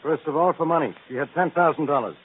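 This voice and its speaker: A man acting a gruff, exasperated and suspicious police inspector in a 1940s radio drama, impatient and blustering. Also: on the high side, fast, phone-quality sound, close to an everyday voice. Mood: accusing. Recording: thin, scratchy old radio recording.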